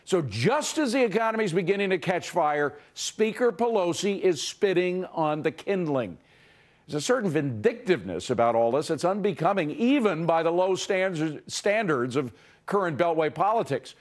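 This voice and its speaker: Male news host, raised pitch, emphatic opinion-segment delivery. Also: animated, moderate pace. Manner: emphatic, editorializing.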